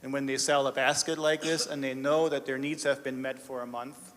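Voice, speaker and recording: A man's voice: mid-range voice, level tone, fairly quick, fairly bright tone. A man giving a heartfelt testimony as a director of development, telling stories in an earnest, emotional way. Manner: earnest, storytelling, emotional at times. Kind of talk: live testimony talk with slides. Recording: reverberant hall.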